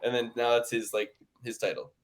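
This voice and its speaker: A man's voice: mid-range voice, steady tone, brisk. A man co-hosting a sports picks podcast, ranting in casual chat and mocking others with put-on quotes. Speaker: podcast co-host.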